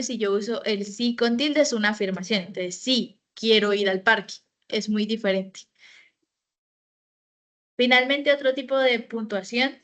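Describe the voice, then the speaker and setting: A woman's voice: on the high side, fairly bright tone. A woman giving an online training session, explaining step by step with fillers and self-corrections.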